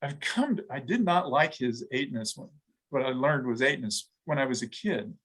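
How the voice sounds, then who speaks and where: Halting, reflective middle-aged man. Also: medium pitch, animated, a bit bright, husky, rough recording. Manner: halting, thoughtful, many restarts and fillers. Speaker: interview guest. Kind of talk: reflective conversation.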